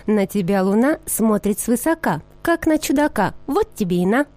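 An old, cracked teapot, as a woman reads him in a storybook tale. He hisses his sly, needling taunts in a mellow voice, close and dry. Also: medium pitch, expressive, normal speed, no echo, close to an everyday voice. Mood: teasing. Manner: hissing, needling.

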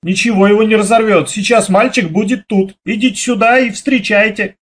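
A man doing a brisk, reassuring airport officer. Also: high voice, fairly even intonation, husky, voice pushed up. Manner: quick, firm reassurance.

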